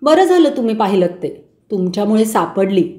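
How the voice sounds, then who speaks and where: Woman doing the calm mom voice, gentle lecturing, mellow, echoey. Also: medium pitch, fairly quick, natural voice. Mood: questioning. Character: patient caring mother, gently scolding her son. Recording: roomy echo.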